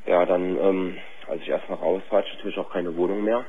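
A man calling in to a radio show and talking openly in a halting, slangy way, with many fillers. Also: sits low, fairly even intonation, breathy edge. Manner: halting, plain-spoken, full of fillers like "so" and "ähm", slangy. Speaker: caller. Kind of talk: candid phone-in confession. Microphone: telephone line. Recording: tinny phone line with faint hiss.

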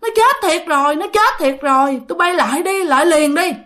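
A woman's voice: very high voice, animated, fairly quick, a bit bright, pitched above the performer's own voice. A woman voicing a distraught young woman with a Southern Vietnamese accent, crying and pleading on the phone.

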